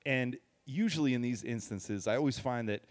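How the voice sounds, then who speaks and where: A man's voice: medium pitch, moderate pace. A man co-hosting a podcast, telling a story in casual chat and rambling with many fillers. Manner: rambling, lots of "you know" and "like". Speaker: podcast co-host.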